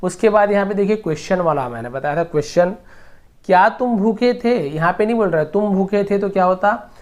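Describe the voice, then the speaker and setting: A man teaching English grammar, patiently repeating each example slowly word by word. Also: sits high, animated, darkish tone. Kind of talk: explaining grammar lesson.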